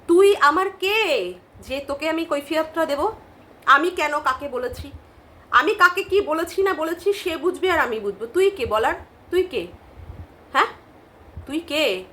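A woman's voice: high voice, bright, forceful tone. A woman vlogger with a Bengali accent delivering a confrontational, scolding rant to camera, repeating her points.

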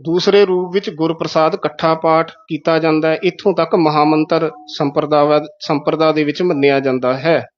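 Male recitation teacher, fairly high voice, repeats words slowly, muffled lo-fi sound. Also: fairly even intonation, slight background noise. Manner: methodical, repeats words syllable by syllable. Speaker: Gurbani pronunciation teacher. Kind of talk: explaining correct recitation of scripture.

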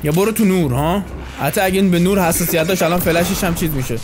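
A man's voice: sits high, noisy background. A man streaming, giving casual, joking reaction commentary on game footage, playful and crude. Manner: joking, playful, swears freely. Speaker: gaming streamer.

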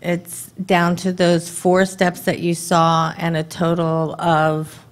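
A woman in her thirties giving a conference talk at a podium microphone in a dim hall, brisk and conversational, throwing rhetorical questions to the audience. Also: lowish voice, completely flat delivery. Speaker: government contracting presenter. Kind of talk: conference presentation.

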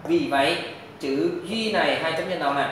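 Male teacher with a Vietnamese accent, patient and drawn out, drilling pronunciation in a boomy room. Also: a bit bright. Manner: patient, drawn-out model readings of syllables. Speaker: Chinese language teacher. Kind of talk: pronunciation lesson. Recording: very echoey room, faint noise.

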